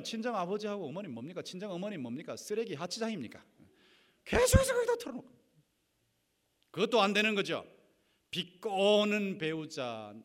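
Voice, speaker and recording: A man preaching a sermon to his congregation, acting out quarrelling spouses and swinging between loud bursts and near-whispers. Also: high voice. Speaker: pastor. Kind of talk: sermon on marriage conflict.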